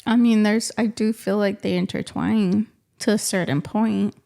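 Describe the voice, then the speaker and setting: Mellow-voiced woman chatting casually. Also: mid-range voice, moderate pace, vocal fry. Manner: animated, conversational, often adds "you know what I mean" and "man". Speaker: podcast co-host. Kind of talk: casual chat.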